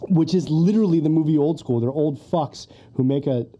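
Dark-voiced man, profane casual banter. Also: on the high side, fairly quick. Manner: profane, laughing, acts out quotes. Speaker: podcast co-host. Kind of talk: casual chat.

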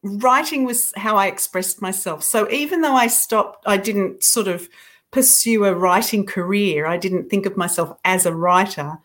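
A woman's voice: medium pitch, moderate pace, a bit bright. A middle-aged woman author, a guest in an interview, talking reflectively and self-deprecatingly about her writing, with frequent restarts.

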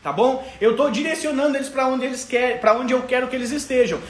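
A parenting educator with a Brazilian Portuguese accent gives a live parenting lesson, answering viewer questions, explaining step by step, checking in often and acting out the voices of parents and children. His voice is very high-pitched and fast, with a roomy sound.

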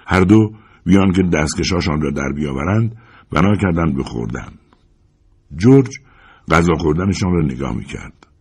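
Low raspy guy narrating a story, steady and dramatic. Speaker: audiobook narrator. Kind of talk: scripted narration.

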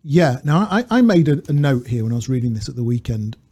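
Reading quotes and telling stories in a reflective, casual podcast chat, this co-host laughs easily. He's very animated and quick, with a warm, husky, medium-pitched voice, recorded on a studio mic with a pop filter.

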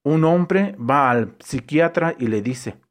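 A man reading short jokes aloud as an unhurried storyteller who briefly voices the punchlines. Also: a little high, animated. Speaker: joke reader.

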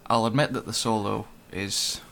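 Man, lowish gravelly voice, blunt dry critic, casual podcast chat, faint room hiss. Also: steady tone, normal speed, a bit bright. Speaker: podcast co-host. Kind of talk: casual music review chat.

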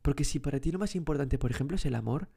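A man's voice: medium pitch, fast talker, creaky, warm tone, husky. A man hosting a motivational self-help podcast, speaking straight to the listener with many rhetorical questions and repeated words for emphasis. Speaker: podcast host.

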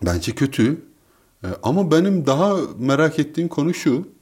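A young man with a somewhat husky voice and a very expressive, wide-ranging pitch. He co-hosts a podcast in loose, casual chat. He keeps up a stream of sarcastic, joking commentary. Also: moderate pace. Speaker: podcast co-host.

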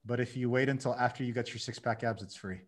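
A man in his thirties, a guest on a podcast, telling his story in a lively way and acting out his own inner dialogue. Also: medium pitch, quick pace. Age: 30s. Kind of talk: casual conversation.

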